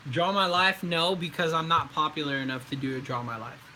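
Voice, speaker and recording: A man hosting a casual livestream Q&A as a voice actor, with a very bright, sharp-edged tone. He rambles loosely, dropping ums and likes as he answers viewers, his voice sitting somewhat high for a man. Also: flat delivery, a little fast, slight background noise, low-quality recording.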